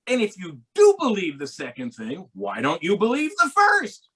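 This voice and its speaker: Lively husky cab driver, as a man puts him on, high-pitched, eager and excitable. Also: moderate pace, heavily acted. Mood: excited. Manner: eager, questioning.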